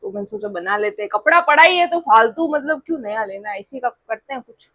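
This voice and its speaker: High-voiced woman vlogger telling a story. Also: fairly quick. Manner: animated, acts out both sides of an argument. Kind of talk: casual storytelling to camera.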